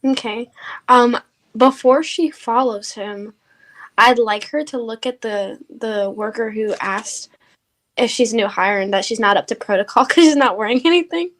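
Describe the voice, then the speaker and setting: A woman's voice: on the high side, moderate pace, fairly bright tone, poor audio. A woman playing a tabletop game, describing things in a thoughtful way. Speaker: player.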